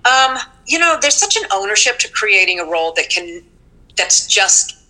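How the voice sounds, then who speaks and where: A woman's voice: medium pitch, normal speed, rough recording. A woman, a stage actress, telling anecdotes in an interview and acting out the voices of people she quotes. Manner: animated storytelling, acts out quotes.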